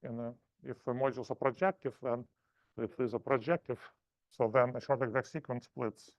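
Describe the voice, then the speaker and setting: At a math seminar, a man lectures while thinking aloud, halting, correcting himself and restarting often. His middle-pitched voice stays steady, and the sound is dry, slightly muffled, with no room sound.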